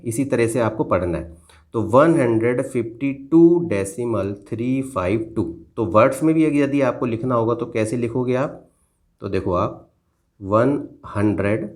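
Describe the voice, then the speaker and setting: Male math tutor, middle-aged, patient and encouraging, steady mid-range voice. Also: mid-range voice. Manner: patient, addresses pupils as "beta" and checks "theek hai na" often. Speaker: math teacher. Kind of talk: classroom lesson explained at a board.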